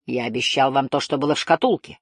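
A woman's voice: very deep voice, fast, slightly rough, dry recording, exaggerated voice. A woman reading the part of a cold, scheming old male guardian who drawls and hisses his words. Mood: cold mocking. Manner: hissing, drawling, menacing.

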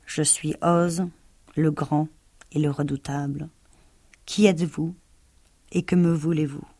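Calm, solemn, slow wizard voice from a ball of fire, a woman reading, quiet and low. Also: no echo, exaggerated voice.

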